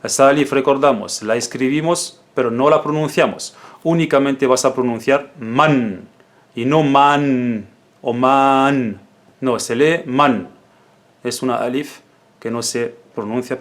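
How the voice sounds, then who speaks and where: A man teaching the Arabic alphabet in a patient, spoken lesson, repeating each syllable slowly and drilling it. His first language is Arabic. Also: medium pitch.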